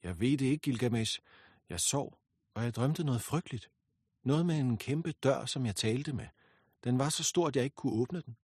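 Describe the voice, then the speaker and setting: A man's voice: mid-range voice, animated, a little mellow, breathy edge, dry recording, clean studio sound. A man doing a loyal warrior friend. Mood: fearful. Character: loyal young male companion, bold then fearful.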